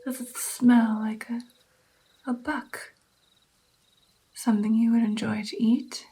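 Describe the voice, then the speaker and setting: A woman playing a gentle vampire mentor in an ASMR roleplay, soft, breathy and mostly whispered, coaxing and encouraging her pupil with pauses. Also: on the high side, little pitch movement. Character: gentle female vampire patiently training her new darkling. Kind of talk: ASMR personal attention roleplay.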